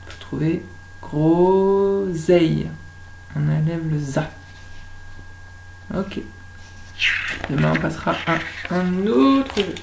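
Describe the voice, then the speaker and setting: A French woman runs a lesson for small children, drawing each word out slowly and deliberately. Her voice is lowish with a gravelly edge. A faint hum sits behind her. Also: a little mellow, rough recording. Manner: slow, deliberate, stretches out words for children. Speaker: kindergarten teacher.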